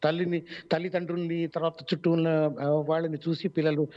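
A man with a Telugu accent, a mimicry artist, answering radio interview questions in a measured, explanatory way with many pauses and fillers. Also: on the high side, level tone, a little mellow. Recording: dull lo-fi online radio audio.

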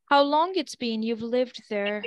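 A woman examiner with a high, smooth voice reads out scripted test questions. Her delivery is slow and stilted, with the formal feel of a textbook dialogue. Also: no room sound.

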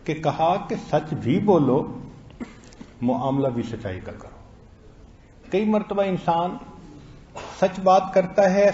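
Male preacher, sermon, slow and deliberate, mellow tone, echoey room, dull lo-fi recording. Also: a little high, slight background noise. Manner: slow, storytelling delivery with acted-out quotes. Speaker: Islamic preacher.

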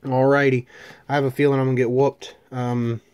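A man casually chatting as he opens trading card packs, listing the cards in a relaxed way with fillers. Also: medium pitch, a little fast, clean tone, no room sound. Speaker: card-opening channel host. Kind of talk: casual chat.

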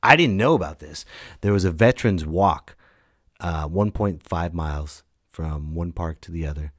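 A solo podcast host in his late thirties rants and tells stories casually, blunt and emphatic, swearing and acting out quoted lines. His voice is low and at normal speed, recorded dry in studio quality.

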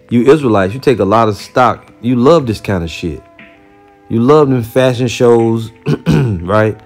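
A man giving an informal preaching commentary, blunt and heated with casual profanity, who reads scripture aloud slowly and deliberately. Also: fairly low pitch. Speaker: religious teacher reacting to a video.

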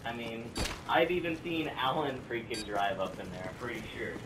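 Captured on a roomy, distant microphone amid background noise, a young video creator makes a casual prank call, rambling crudely and hesitantly. He speaks at a moderate pace in a mid-range voice.

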